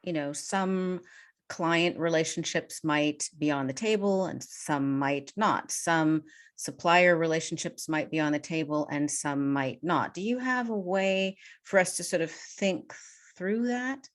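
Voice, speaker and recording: A woman with a deep voice conducts a conversational interview at a measured pace. She probes thoughtfully, questions her subject, and recaps what she hears.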